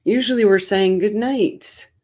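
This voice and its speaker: A woman's voice: medium pitch, measured pace, dark tone. A woman hosting a casual livestream, greeting chat viewers by name with a tired morning voice. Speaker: livestream host.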